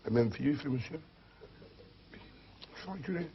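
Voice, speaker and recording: A man tells jokes on a TV show and slips into voices for the people in them. His voice is gravelly and fairly high, and it swings widely in pitch. The sound is dull and lo-fi, from an old television archive. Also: lively intonation, racing, very noisy. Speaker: guest telling jokes.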